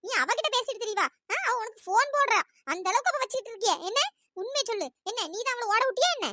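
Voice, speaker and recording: A sharp-tongued cartoon mother-in-law, voiced by the channel's performer who nags and accuses without pause. Her voice is very high and quick, and it sits dry and close. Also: lively intonation, dry recording, exaggerated voice. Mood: scolding. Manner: nagging, accusing, shouting insults. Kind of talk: cartoon story voice acting.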